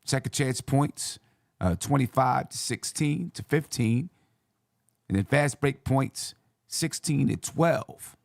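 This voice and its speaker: A man with a hoarse, yelled-out voice hosts a casual sports commentary, conversational and repeating phrases for emphasis. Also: mid-range voice, takes it slowly, dry recording, studio quality. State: hoarse voice from yelling. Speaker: sports show host.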